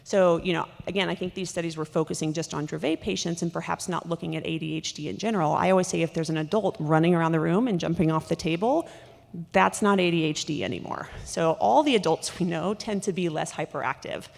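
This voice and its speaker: A woman doctor giving a conference lecture, talking quickly with lots of fillers and restarts, in a large conference hall. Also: fairly low pitch, vocal fry, a little mellow. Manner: rapid, with many fillers and restarts. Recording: hall reverb.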